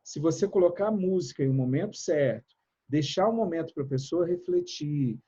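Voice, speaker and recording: Brazilian-style lively talker, muffled call audio. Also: male voice, on the high side, slightly rough. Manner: energetic, shifts between fast and slow, loud and soft. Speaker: speaker on productivity and communication. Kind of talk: live online chat talk. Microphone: video call.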